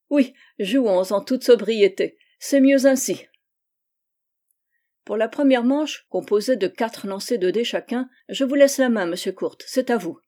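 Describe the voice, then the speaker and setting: A woman's voice: fairly high pitch, warm tone, lightly acted. A woman reading the part of a modest, polite young working man in an audiobook.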